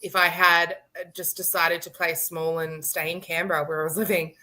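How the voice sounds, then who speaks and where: A woman's voice: lowish voice, moderate pace. A woman in her late thirties, a live-stream guest, telling a story with lots of laughter and acted-out quotes. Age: late 30s. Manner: animated storyteller, laughing often, acting out quotes. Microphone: video call.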